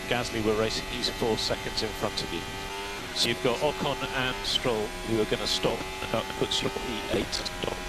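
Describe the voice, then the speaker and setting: A male race engineer gives measured gap updates and instructions over a team radio link. His voice is fairly low, and the transmission is swamped by heavy hum and vehicle noise. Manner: measured, instructional, reads out gaps and numbers. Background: loud hum and car noise.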